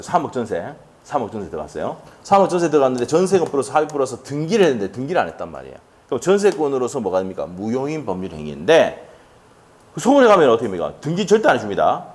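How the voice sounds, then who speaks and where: A man's voice: mid-range voice, darkish tone. A middle-aged man teaching an exam-prep law lecture, firing rhetorical questions and chatty asides at his students.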